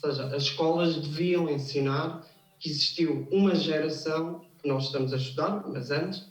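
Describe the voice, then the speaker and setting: A man, an anthropologist guest on a studio talk show, speaking in a measured way with small restarts. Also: a little high. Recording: roomy, distant and slightly dull sound.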